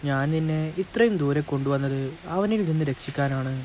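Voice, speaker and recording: A man's voice: mid-range voice, a little fast, darkish tone, a little hiss or hum, lightly acted. A man voicing a frightened ghostly mechanic who gives urgent warnings in a storybook horror tale.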